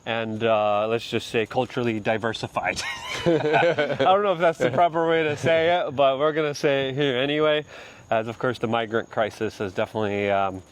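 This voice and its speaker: Man host, casual rambling outdoor walk-and-talk, mid-pitched voice. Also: normal speed, a little hiss or hum. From Poland. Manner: rambling with fillers and restarts.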